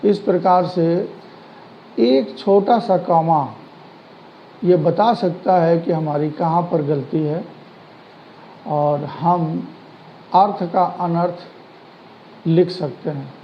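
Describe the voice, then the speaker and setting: A man teaching a grammar lesson to schoolchildren, explaining slowly and deliberately. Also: fairly high pitch, slight background noise. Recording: dull lo-fi sound with faint ambience.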